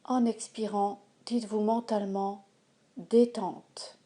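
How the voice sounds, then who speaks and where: A woman of medium pitch acts as instructor for a yoga nidra relaxation, offering gentle, even-paced guidance punctuated by pauses.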